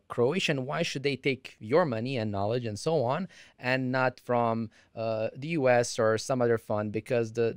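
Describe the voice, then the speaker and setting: A man's voice: mid-range voice, clean tone, no room sound, clean studio sound. A man hosting a podcast interview, asking long conversational questions. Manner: conversational, rambling questions with restarts. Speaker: podcast host.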